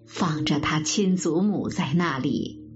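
A woman's voice: low voice, slow pace, darkish tone, pitched below the performer's own voice. A woman voicing a middle-aged noblewoman who speaks reproachfully and with worry. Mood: stern. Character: middle-aged noblewoman, worried, easily distressed. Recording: dull audio with guitar music.

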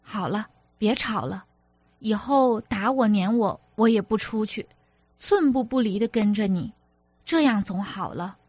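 Brief: woman reader giving an exasperated young husband, pleading and defensive, unhurried, audiobook dialogue. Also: medium pitch, lively intonation, darkish tone, no room sound, lo-fi sound. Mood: placating. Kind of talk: audiobook character reading.

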